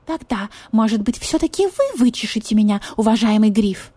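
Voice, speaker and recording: A woman voicing a capricious, pampered female Persian cat with a squeaky, pleading voice. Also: very animated, normal speed, dark tone, husky. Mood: whiny.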